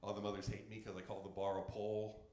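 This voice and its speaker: A middle-aged man doing a stand-up comedy set, brash and profane with deadpan punchlines, on a club stage. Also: fairly low pitch, fast, heavy background noise. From United States. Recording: roomy club with crowd laughter. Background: audience laughing.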